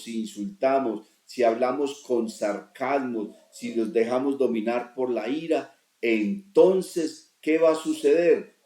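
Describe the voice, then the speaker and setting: A man's voice: mid-range voice, mellow, reverberant. A male pastor preaching a sermon, emphatic, with repeated rhetorical questions.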